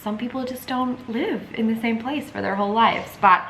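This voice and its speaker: A young woman with a soft Edinburgh Scottish accent blended with Australian, chatting casually to her phone camera in a rambling vlog style. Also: fairly high pitch, normal speed, reverberant, a little hiss or hum, poor audio. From Scotland, raised partly in Australia. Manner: chatty, rambling, frequent "like" and "you guys". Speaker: vlogger.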